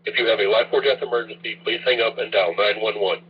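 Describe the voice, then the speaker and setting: A man's voice on a recorded automated phone menu, reading formal, scripted prompts in an even, instructional way. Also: fairly low pitch, fast, a little hiss or hum. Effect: recorded automated phone menu message. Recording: tinny phone line, husky.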